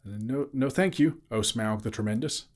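A man voicing a nervous, flattering little male hobbit who stammers and talks eagerly. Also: mid-range voice, moderate pace, pitched above the performer's own voice, lightly acted.

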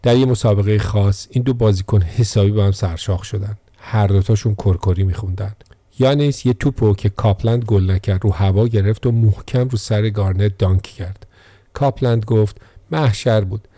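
Low, dark-voiced man narrating a story. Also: no room sound. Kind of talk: scripted narration of a sports biography.

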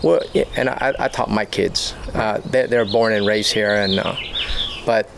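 Middle-aged guy from the philippines, low gravelly voice, stop-start street chat. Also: fairly even intonation, slight background noise. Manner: halting, many fillers. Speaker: interviewee passerby. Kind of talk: casual street interview. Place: outdoors on a street.

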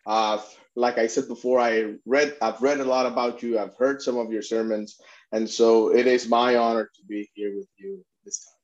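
A man's voice: mid-range voice, steady tone, moderate pace. Middle-aged man from Puerto Rico, earnest interview guest, frequent restarts, dull lo-fi sound. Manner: earnest, many restarts and fillers. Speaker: immigration attorney and advocate, guest. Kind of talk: conversational interview.

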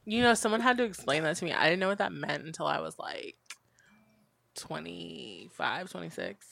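A woman's voice: low-pitched, expressive, moderate pace, vocal fry, fairly bright tone, dry recording. A woman, the producer on a podcast, talking casually and telling anecdotes. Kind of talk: casual chat.

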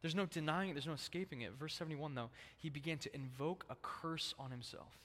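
A man preaching a sermon to a congregation. He talks in a relaxed, chatty way and jumps into animated voices when he quotes people. His voice rings out with a long hall reverb. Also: on the high side, brisk. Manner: casual, conversational preaching with lively acted-out quotes. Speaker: pastor.

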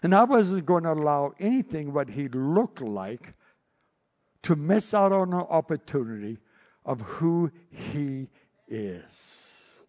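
Slow-spoken male pastor, lively storyteller. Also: fairly high pitch. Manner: animated storytelling with frequent repeated words. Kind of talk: sermon.

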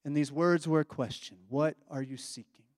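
A man's voice: on the high side, steady tone, normal speed, no room sound, studio quality. A man preaching a reflective, conversational sermon.

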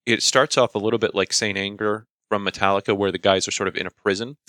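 A man's voice: lowish voice, steady tone, quick pace, fairly bright tone, no echo, clean studio sound. A man co-hosting a podcast, telling anecdotes in casual chat. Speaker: podcast co-host.

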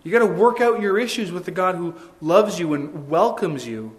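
Earnest high-voiced male preacher. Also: expressive, normal speed. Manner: conversational, earnest preaching with frequent restarts and asides. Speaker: pastor. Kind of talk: sermon.

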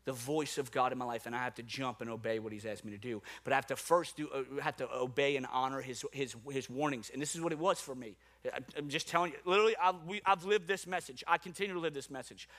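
A man's voice: fairly high pitch, a bit bright. A man from New Orleans preaching a sermon as a pastor, with rhetorical questions and repetition. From New Orleans, USA.

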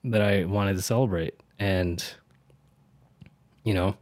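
A man's voice: deep voice, fairly even intonation, slow pace, darkish tone, dry recording. A man in his late twenties talking through his year in a reflective, rambling monologue, earnest and often laughing. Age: 20s. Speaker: vlogger. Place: home in a city.

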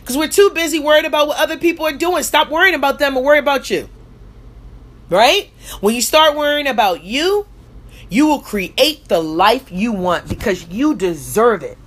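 A woman coach giving an emphatic, exhorting motivational speech with repeated refrains. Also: medium pitch. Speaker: motivational coach and show host.

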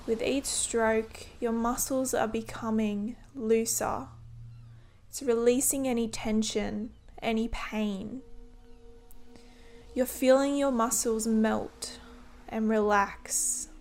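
In short, leisurely phrases, a woman talks listeners through a guided body scan in a calm, gentle way. Her voice is a little high and her tone steady.

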